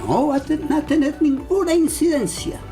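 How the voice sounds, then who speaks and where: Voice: sits high, moderate pace. An expert explaining technical matters in a teacherly way, posing questions and checking understanding. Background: music.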